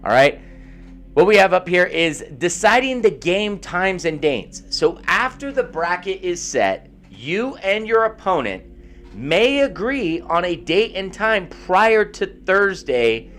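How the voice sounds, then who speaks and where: A man's voice: high voice, big pitch swings. Upbeat man hosting a gaming stream. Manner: upbeat, rapid shout-outs to viewers. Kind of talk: casual live-stream chat.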